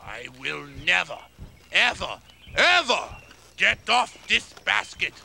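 A man's voice: high-pitched, sing-song, takes it slowly, vocal fry, pushed and bright, slight background noise, exaggerated voice. A man voicing a childish, stubborn young male giant in a puppet TV comedy, whining and sneezing. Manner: whiny, wails and sneezes.

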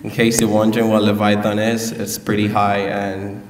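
A young man, the valedictorian, gives a graduation speech from a podium in a large school hall, tossing playful, joking asides to the crowd. His lowish voice comes across completely flat at a normal speed. The podium mic is heard from a distance, so the hall sounds echoey, with slight background noise.

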